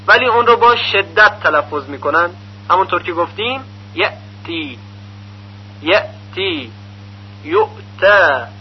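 High-voiced man teaching methodically. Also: breathy edge. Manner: methodical, patient explaining. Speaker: Quran recitation teacher. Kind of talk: instructional lesson. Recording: muffled lo-fi recording with faint hum.

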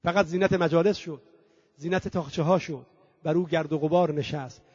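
A man's voice: a little high, steady tone, darkish tone, breathy edge, dry recording. A man preaching at a mourning gathering, chanting scripture in a singing tone between rhetorical questions and long emphatic lists. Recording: dull dry lo-fi recording.

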